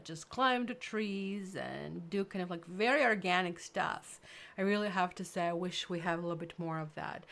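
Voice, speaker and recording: Woman, 50s, lower register, casual rambling tarot reader. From Croatia. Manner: chatty, rambling, full of "like" and "kind of", lively bursts. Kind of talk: casual tarot reading to camera.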